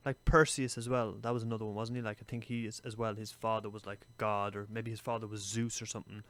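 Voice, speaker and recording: A man co-hosting a podcast, chatting casually and retelling a story with an animated, swearing manner. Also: on the low side, fast talker, no echo. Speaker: podcast co-host.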